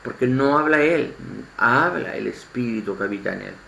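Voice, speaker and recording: Gravelly, bright-voiced Spanish preacher man. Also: mid-range voice, lively intonation, a little hiss or hum. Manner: halting, repeats words, restarts phrases. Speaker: lay preacher. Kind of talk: informal spoken sermon. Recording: echoey room, faint ambience.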